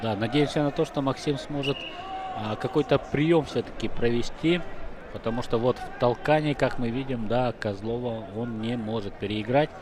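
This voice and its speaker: Male sports commentator, mid-pitched, chatty and analytical, with loud arena noise behind him. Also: moderate pace. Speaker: wrestling commentator. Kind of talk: conversational live sports commentary. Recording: noisy sports hall broadcast.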